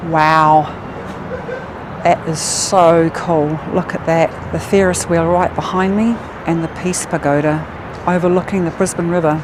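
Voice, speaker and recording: A woman's voice: on the low side, steady tone, measured pace. New Zealand woman vlogging outdoors in a city. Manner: exclaims in wonder between read-out sightseeing facts. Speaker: travel vlogger. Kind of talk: casual travel vlog narration. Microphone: handheld action camera or phone. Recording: noisy outdoor city sound.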